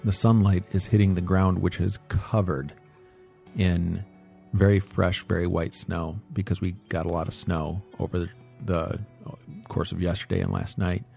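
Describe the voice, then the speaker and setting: A middle-aged man records a casual, rambling audio diary at home on a close microphone, musing hesitantly and repeating himself in short phrases. His voice is deep, creaky and dark, with a flat delivery at a moderate pace. Soft music plays in the background.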